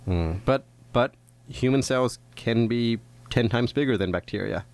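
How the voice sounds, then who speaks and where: A man's voice: mid-range voice, measured pace, a little mellow. A man co-hosting a science radio show, chatting in casual, lightly scripted banter from a studio.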